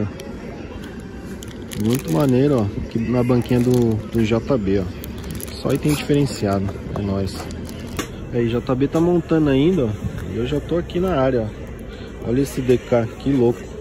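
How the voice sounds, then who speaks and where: Filming on a handheld phone camera, a young toy collector vlogger walks through an outdoor flea market, casually showing off toys and pointing things out constantly. His voice is mid-range, and there's background noise.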